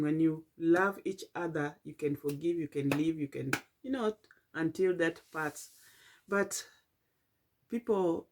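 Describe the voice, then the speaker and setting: A middle-aged woman with a Kenyan accent talks late at night, tired and yawning. Her voice sits a little low. She speaks slowly and reflectively, stopping and restarting often with "uh". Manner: halting and reflective, with many fillers and restarts. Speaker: vlogger. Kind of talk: late-night personal vlog.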